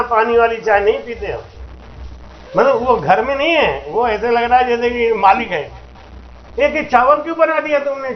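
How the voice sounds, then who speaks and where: A man giving a storytelling sermon at a satsang, acting out characters in folksy dialogue and breaking into slow sung verses. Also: high voice. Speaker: spiritual teacher giving a satsang discourse. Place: religious gathering hall. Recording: roomy, dull lo-fi recording with faint noise.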